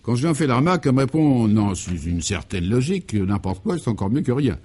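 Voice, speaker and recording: A man's voice: medium pitch, big pitch swings, fast, mellow, slightly rough. A man doing a jovial, chuckling governor. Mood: genial. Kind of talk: comic radio serial acting.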